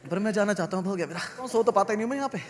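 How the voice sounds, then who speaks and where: It's a noisy recording of a stand-up set at a live venue full of audience laughter. The comedian, a man from India, speaks rapidly at a high pitch, mixing crowd work with conversational, sardonic storytelling and abrupt loud bursts.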